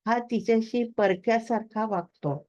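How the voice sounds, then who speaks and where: A woman's voice: on the high side, moderate pace, darkish tone, highs cut off, natural voice. A woman reading the part of an outspoken middle-aged mother who scolds bluntly and protects her family. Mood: scolding.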